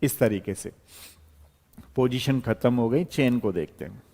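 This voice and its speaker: A man teaching chemistry at the board, talking his students through each step while he writes. His voice sits in a middling pitch. A long hall-like reverb trails after his words. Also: a little slow, warm tone. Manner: explains step by step while writing, with frequent checks like "okay".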